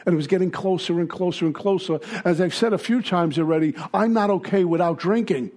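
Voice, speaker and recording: A man from Brooklyn with a Brooklyn accent, giving a blunt, halting personal testimony at a recovery meeting. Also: sits high, darkish tone. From Brooklyn, New York. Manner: blunt, halting, with many fillers.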